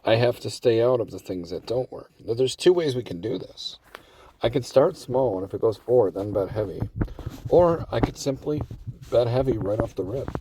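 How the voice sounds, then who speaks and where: A man's voice: mid-range voice, expressive, normal speed, dark tone, distant mic, a little hiss or hum. A man talking casually from inside his parked car, cussing often and calling his viewers bro while commenting on his play. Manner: laid-back, swears often, calls viewers bro. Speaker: gambling strategy vlogger.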